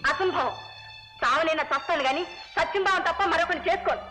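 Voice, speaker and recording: A woman's voice: very high voice, fast, over loud music, poor audio. An actress playing a defiant young woman who insists on marrying the man she loves. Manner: defiant, indignant. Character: indignant young village woman in love. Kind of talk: 1980s film dialogue.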